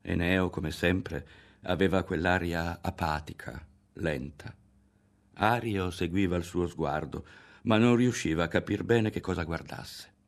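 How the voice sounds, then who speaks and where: Man, audiobook narrator, literary reading, measured and expressive, very deep, gravelly. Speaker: audiobook reader.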